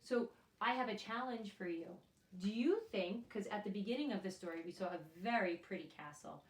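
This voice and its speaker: A woman who teaches and tells children's stories reads a picture book aloud at a slightly fast pace in a mid-range voice. She's expressive, frequently pausing for asides and questions aimed at the young listeners. The recording comes from a distant microphone in an echoey room.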